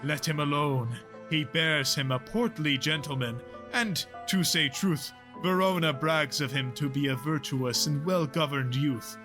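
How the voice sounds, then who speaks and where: An actor playing a commanding, quick-tempered older lord and uncle, declaiming Shakespearean verse in an audio play. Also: male voice, a little high, lightly acted. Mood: firm, placating. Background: music.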